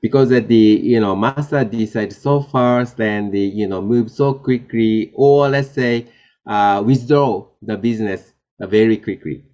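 A man's voice: fairly low pitch, darkish tone. Hesitant Japanese-born man, lo-fi interview. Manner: halting, many fillers and restarts. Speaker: guest, tech executive. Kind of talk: interview answers. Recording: dull lo-fi sound.

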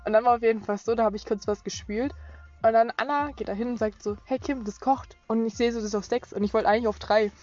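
A young woman vlogger chatting casually, telling stories with lively acted-out quotes and frequent laughter. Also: a little high, fast talker. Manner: animated storytelling, acts out friends' quotes, laughs often. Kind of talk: casual chat. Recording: lo-fi dull sound.

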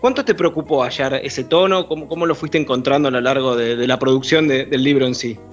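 A man's voice: mid-range voice, brisk, lo-fi sound, faint music behind. A man interviewing an author, reflective and searching for his words as he asks questions.

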